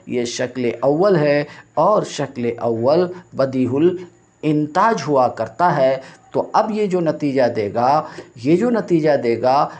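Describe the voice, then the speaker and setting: A man with a slightly high, somewhat mellow voice teaches logic to a class as a religious instructor. He walks through the material step by step, pauses to check that students are following, and recites lines from the textbook in Arabic.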